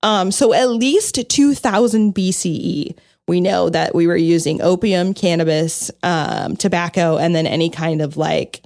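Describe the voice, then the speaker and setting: A woman's voice: fairly low pitch, a little slow, vocal fry, darkish tone, no echo, studio quality. A young woman co-hosting a podcast in casual chat, bubbly and giggly, filling her talk with "like". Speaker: podcast co-host.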